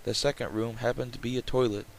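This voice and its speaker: A man's voice: mid-range voice, little pitch movement, fast talker, low-quality recording. Casual man reading aloud over background noise. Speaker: let's player reading a visual novel aloud. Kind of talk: reading game text aloud with casual asides. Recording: clear background noise, game ambience.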